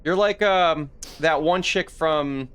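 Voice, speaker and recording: Bright-voiced joking male streamer. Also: a little high, slow pace, clear, resonant tone. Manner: joking, playful banter. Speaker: streamer playing with friends. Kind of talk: casual gaming chat.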